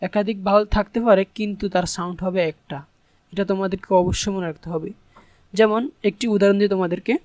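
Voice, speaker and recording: A man's voice: high-pitched, a little mellow, no room sound. A man teaching English in an online tutorial. He explains patiently and spells words out letter by letter.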